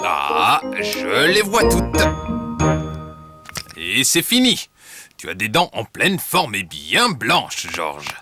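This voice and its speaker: A man's voice: on the low side, wildly swooping pitch, slow, pauses often, heavily acted. A man voicing a jovial, kindly elephant dentist in a preschool cartoon, with a coaxing, sing-song manner. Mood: pleased. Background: music.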